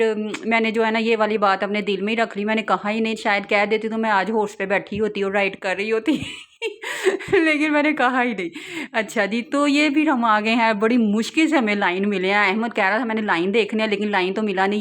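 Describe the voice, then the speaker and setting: A young woman narrating her family outing in a relaxed vlog, chatting and laughing often as she tells it. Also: medium pitch, fast talker, few pauses. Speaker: vlogger, mother.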